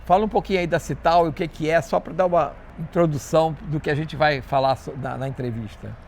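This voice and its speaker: A man hosts a casual interview with a voice pitched a little higher than most men's. He is friendly and chatty, and he stumbles and restarts his questions as he goes. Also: fairly quick, vocal fry, a little mellow, a little hiss or hum. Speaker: interviewer, show host.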